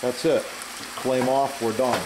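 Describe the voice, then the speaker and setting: Middle-aged man, mid pitch, chatty cooking demo, sizzling pan behind. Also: steady tone, unhurried, heavy background noise. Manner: chatty, enthusiastic, frequent "uh" fillers. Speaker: cooking demonstrator. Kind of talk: casual cooking demo with product plugs. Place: home kitchen at the stove. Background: frying and sizzling in the pan.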